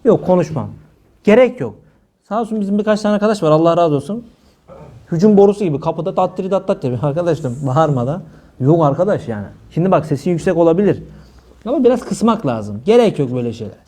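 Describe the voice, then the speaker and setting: High-voiced, warm-toned preacher. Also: male voice, animated, fast. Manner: humorous, teasing the audience between teachings. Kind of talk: religious talk to a live audience.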